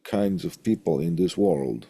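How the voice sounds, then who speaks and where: A college instructor teaching audio equipment gives an informal recorded lecture over slides in a deep, gravelly, dark-toned voice. He's expressive but halting and hesitant, with long pauses, captured on a close studio condenser mic through a tube preamp.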